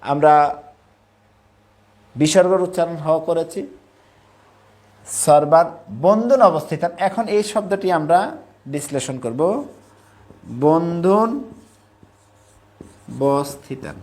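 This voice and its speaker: A man teaching the careful pronunciation of verses, breaking words into syllables and chanting them slowly. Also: fairly high pitch, darkish tone. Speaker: Sanskrit recitation teacher. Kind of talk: recitation lesson.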